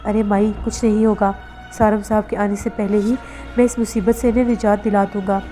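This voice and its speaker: A woman's voice: medium pitch, little pitch movement, warm tone, soft background music, lightly acted. A woman reading the lines of a confident old male faith healer in a horror story. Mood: calm, assuring. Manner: confident, reassuring.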